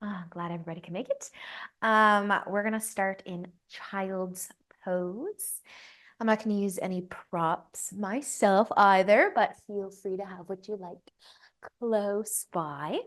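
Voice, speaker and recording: A woman teaching a live yoga class, giving slow, soothing cues and drawn-out breath prompts. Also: medium pitch, fairly bright tone. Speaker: yoga instructor. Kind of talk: guided yoga class instruction.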